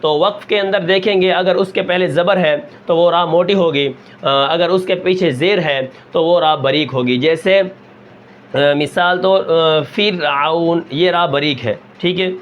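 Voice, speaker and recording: High-voiced Urdu man teaching recitation slowly. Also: dull audio. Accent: Pakistani Urdu. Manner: stretches each example syllable slowly, then explains. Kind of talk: slow drilled lesson with rhetorical questions.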